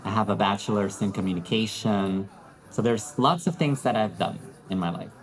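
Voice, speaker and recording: A man's voice: lowish voice, moderate pace, rough recording. A man from Peru, an English teacher, talking in a friendly, thoughtful way as an interview guest, with some fillers. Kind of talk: interview conversation.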